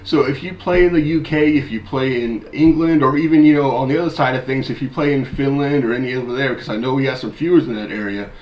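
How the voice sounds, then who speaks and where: A man's voice: medium pitch, quick pace, few pauses, reverberant, lo-fi sound. A man in his thirties from mid-Michigan, hosting a casual weekly disc golf news vlog and talking to viewers in a chatty, upbeat way. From mid-Michigan, USA. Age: 30s. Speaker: disc golf channel host.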